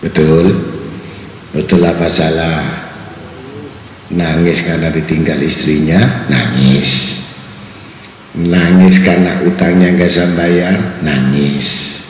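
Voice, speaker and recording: A man's voice: a bass voice, fairly even intonation, slow pace, pauses often. A male preacher giving a religious sermon, putting repeated rhetorical questions to his audience. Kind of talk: religious sermon to a study gathering. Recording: very echoey hall with long reverb and faint background noise.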